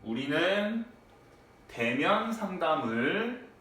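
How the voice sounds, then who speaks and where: A male English teacher gives a lively classroom lecture, his voice swinging up and down as he quizzes students with constant tag questions. He sounds a little high for a man. He is caught from far off in a very echoey room with faint background noise. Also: very slow. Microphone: far from the mic.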